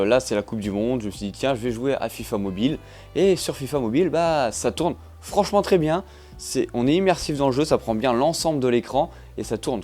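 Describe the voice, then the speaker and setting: A man with a French accent talks through a phone review in a relaxed, conversational way. He often asks a question and answers it himself. His voice sits in a middle pitch, with faint music playing underneath. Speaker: tech reviewer. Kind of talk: product review narration.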